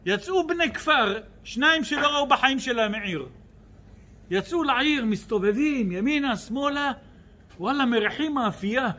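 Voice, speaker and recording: A man with a high, bright voice delivers a religious lecture to an audience in a hall. He speaks in the manner of a lively storyteller, swooping up and down in pitch and putting questions to his listeners. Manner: lively storyteller who acts out dialogue in his stories; addresses the audience directly with questions. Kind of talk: Torah lecture with humorous stories.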